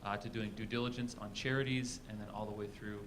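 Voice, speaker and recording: A man from Texas introduces himself on a panel in a measured way, filling gaps with uhs. His voice is low and fairly monotone. Room ambience is clearly heard. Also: noisy background. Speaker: panelist, philanthropic advisor.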